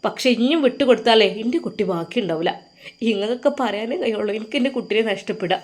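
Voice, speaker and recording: A woman's voice: high-pitched, fast, lightly acted. Woman voicing a tearful protective mother. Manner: tearful, pleading.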